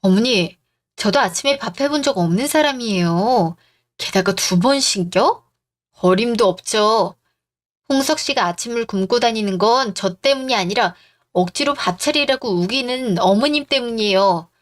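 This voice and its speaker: A woman's voice: fairly high pitch, expressive, normal speed. Firm woman reading a radio drama.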